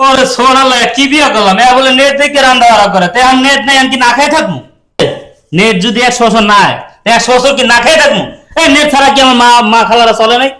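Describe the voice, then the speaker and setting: A man playing an indignant hungry husband, fast and high. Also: bright, forceful tone. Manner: complaining, indignant. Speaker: actor in a village comedy skit. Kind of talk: skit acting. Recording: echoey room.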